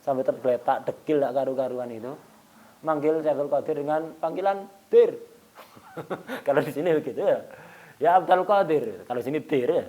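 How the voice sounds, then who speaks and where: A man teaching an Islamic study lesson, telling a story and acting out its dialogue, joking and chuckling with his listeners. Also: medium pitch. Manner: storytelling, acting out dialogue with sudden loud and soft turns. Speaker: religious teacher.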